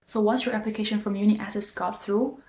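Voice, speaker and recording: Talking fast in a medium-pitched voice, a young design-student vlogger explains things casually, her speech loaded with fillers like "like" and "um." She is not a native speaker of English or German, and the echoey room carries faint background noise.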